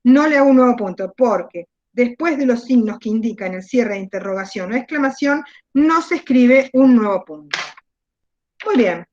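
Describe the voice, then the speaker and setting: A woman's voice: on the high side, animated, normal speed. A woman teacher with an Argentine Spanish accent giving an online class, asking questions and repeating key words. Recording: dull lo-fi video call audio.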